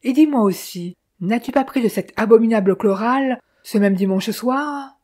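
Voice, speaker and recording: A woman's voice: a little high, normal speed, mellow, natural voice. A woman reading a stern, insistent older brother. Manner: insistent, questioning, reasoning. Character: stern man pressing his brother to confess.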